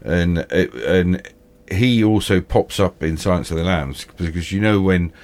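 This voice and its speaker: A British man with toothless, slightly slurred speech, hosting a casual film chat in a halting, repetitive, rambling way. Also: low-pitched, darkish tone. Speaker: film discussion host.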